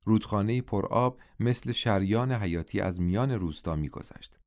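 A man narrating an audiobook novel in a measured, steady way. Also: fairly low pitch.

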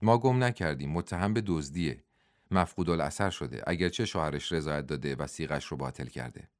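A man voicing a friendly male army captain in an audiobook, speaking briskly and familiarly. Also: extremely low pitch, no room sound, clean studio sound, voice pushed down. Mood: urgent. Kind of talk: audiobook dialogue.

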